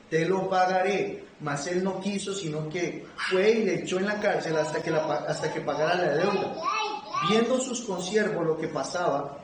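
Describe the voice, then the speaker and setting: A man from Costa Rica leading a church Bible study, reading scripture aloud and quizzing his group with questions. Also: high-pitched. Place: church meeting room. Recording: echoey room, far from the mic, noisy.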